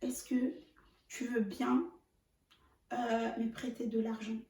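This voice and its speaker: A woman voicing a young man who pleads for money in a small, soft, whiny voice. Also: on the high side, little pitch movement, slow. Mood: pleading. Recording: roomy echo, mic at a distance.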